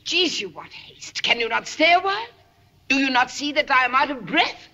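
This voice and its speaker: An actress playing an older, fussy nurse who grumbles and teases in a 1950s film. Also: female voice, high voice, lively intonation, moderate pace, bright, forceful tone, highs cut off. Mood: weary grumbling. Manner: grumbling, teasing, drawn out.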